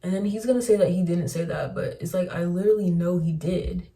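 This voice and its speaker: Chatty young woman, mellow and low. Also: brisk, recorded from a distance. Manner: chatty, fills with "like", recounts texts. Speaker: vlogger. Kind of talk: casual storytime vlog.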